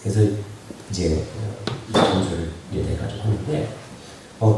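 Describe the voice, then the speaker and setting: A man's voice: mid-range voice, warm tone, a little hiss or hum. A male pastor preaching a sermon, telling a story and putting questions to the congregation, heard from a distance in a church. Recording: echoey church hall, distant mic.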